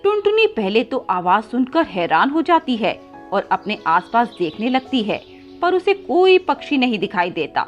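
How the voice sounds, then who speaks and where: A woman narrating a children's cartoon story in an expressive, scripted way. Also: fairly high pitch, normal speed, highs cut off, soft background music.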